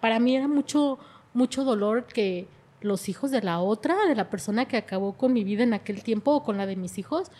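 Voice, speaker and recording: A woman's voice: on the high side, animated, fairly quick, darkish tone. A middle-aged woman, telling her life story in an emotional way and often repeating her words. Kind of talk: personal testimony.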